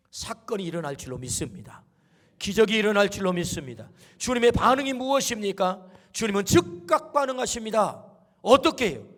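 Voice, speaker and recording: A man's voice: high-pitched, fairly bright tone. A middle-aged male pastor delivering an exhorting sermon, calling the congregation to answer amen. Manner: exhorting, call-and-response with amen. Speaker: senior pastor.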